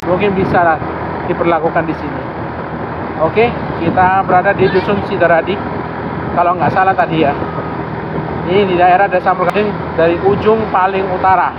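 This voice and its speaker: Male travel vlogger, high voice muffled through a face mask, halting casual commentary over loud engine and road noise. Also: fairly even intonation. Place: outdoors, riding a vehicle on a village road.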